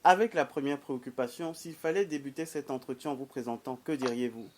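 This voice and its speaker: A man hosting an interview, speaking in a measured, formal way with frequent hesitations. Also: mid-range voice, a little mellow. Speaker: host.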